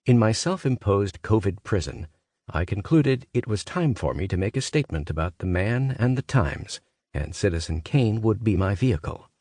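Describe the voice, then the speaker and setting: A man's voice: on the low side, very animated, moderate pace, darkish tone, no room sound, clean studio sound. A man reading a scripted nonfiction audiobook as its narrator.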